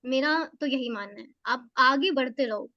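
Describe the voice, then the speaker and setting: Young woman, high voice, earnest advice, dull dry call audio. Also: moderate pace, dry recording. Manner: earnest, advising directly, repeats points. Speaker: exam topper guest. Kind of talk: interview answers, casual advice.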